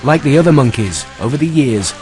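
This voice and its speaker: A man giving measured, scripted documentary narration. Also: medium pitch, animated, darkish tone. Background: music.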